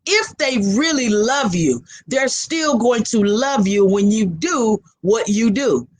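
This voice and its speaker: A woman's voice: on the high side, expressive, slow pace. Female talk show guest, conversational and motivational, emphatic, leans on repeated phrases. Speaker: guest giving life advice.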